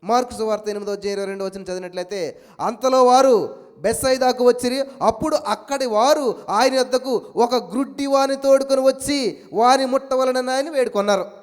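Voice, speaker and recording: A man preaching a sermon with fervour, calling out hallelujah and amen, then dropping to a low, confiding voice. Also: fairly even intonation, a little fast, clear, resonant tone, in a large hall. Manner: fervent, repeated hallelujahs and amens, swings from shouting to near-murmur. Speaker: pastor.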